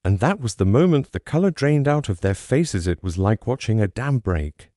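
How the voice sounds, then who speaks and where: A man's voice: on the low side, sing-song, normal speed, dark tone, no room sound, clean studio sound. Man narrating a dramatic story. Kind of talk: scripted first-person story narration.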